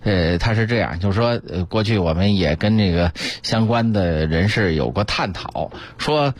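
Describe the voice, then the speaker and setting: Male radio co-host, Beijing accent, a bit husky, dry close-mic studio sound, folksy commentator. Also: deep voice, lively intonation, moderate pace, dry recording. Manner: folksy, chatty commentary with hesitations.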